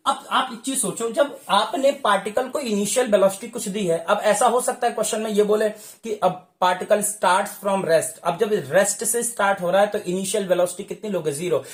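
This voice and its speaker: A male physics teacher talks through a whiteboard lesson for exam preparation. He goes one step at a time, often pausing on a quick "okay" and calling the viewers dear children. His voice rings out in a noticeably echoey room. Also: sits high. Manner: explains step by step, checking in with frequent "okay".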